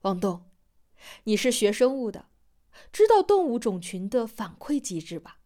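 A woman voicing an excited middle-aged male professor who lays out his reasoning the way a teacher questions a class, in an audiobook. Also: on the high side. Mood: excited explaining. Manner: brisk, explaining like a teacher.

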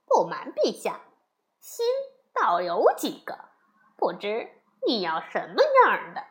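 A woman's voice: mid-range voice, huge pitch swings, a bit bright, exaggerated voice. Woman doing a bold clever monkey king. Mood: confident. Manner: brisk, confident and quick-witted. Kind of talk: children's storybook voice acting.

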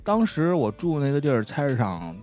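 A man's voice: mid-range voice, brisk. Man, podcast co-host, casual storytelling, mid-range voice, faint music behind. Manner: chatty, animated anecdote-telling with frequent "you know?".

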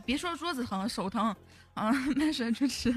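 A woman's voice: a little high, animated, unhurried, breathy edge, soft background music. A woman in an online voice-chat debate, firing off exasperated rhetorical questions. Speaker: debater, opposing side.

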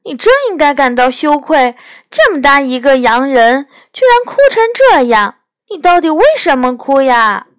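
A woman's voice: mid-range voice, normal speed, clean tone, no echo, clean studio sound, lightly acted. A woman voicing a caring, anxious little girl who speaks eagerly and urgently in a storybook reading.

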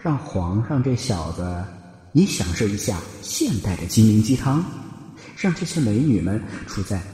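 A man's voice: fairly low pitch, sing-song, moderate pace, dark tone, slight background noise. A man playing a brash modern playboy's soul trapped in a palace, talking in a cocky, swaggering way in an echoey room. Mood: smug scheming. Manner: cocky, swaggering inner monologue.

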